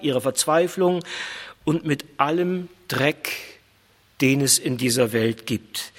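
A man preaching a sermon with emphatic repetition, slowing down on key words. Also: sits high. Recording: long reverb of a large hall.

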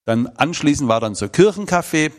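A man's voice: fairly high pitch, expressive, normal speed. A man, telling his personal testimony in an emphatic, emotional way. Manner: emphatic, emotional storytelling with shifting volume.

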